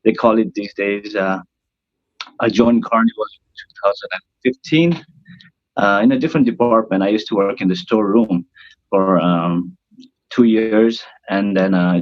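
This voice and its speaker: A young man from northern India, a native Nepali speaker who sings in a cruise ship band, talks hesitantly and with lots of fillers in a casual interview. His low-ish voice sounds tired and worn, at normal speed, on a lo-fi recording with no room sound.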